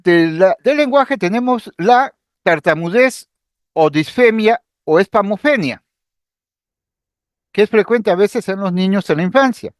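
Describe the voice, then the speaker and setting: High-voiced man lecturing on psychiatry. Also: no echo, clean studio sound. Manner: explanatory, acts out patient speech examples; lively intonation, occasional fillers and restarts. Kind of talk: recorded medical lecture.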